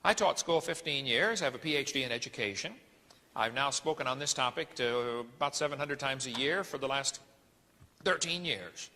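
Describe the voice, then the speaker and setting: A man's voice: mid-range voice, moderate pace, pushed and bright, in a large hall. A middle-aged man giving a lecture-style sermon, preachy and folksy, firing off rhetorical questions. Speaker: creationist ministry speaker.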